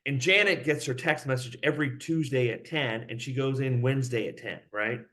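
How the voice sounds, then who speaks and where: A man being interviewed as a company head, talking in an animated, fast way and acting out the voices of people in his stories. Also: mid-range voice. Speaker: guest, company CEO.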